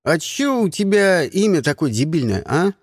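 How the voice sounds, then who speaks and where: A man's voice: a little high, sing-song, moderate pace, husky, dry recording, studio quality, long reverb tail. A man voicing a rude schoolboy bully who taunts in coarse slang, in an audiobook. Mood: taunting.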